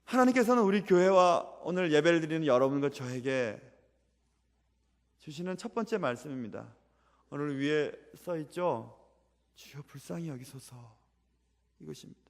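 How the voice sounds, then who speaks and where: Man, pastor, church sermon, high voice, earnest repeating cadence, long hall echo. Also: animated, moderate pace, long pauses. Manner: earnest, repetitive preaching cadence. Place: church sanctuary.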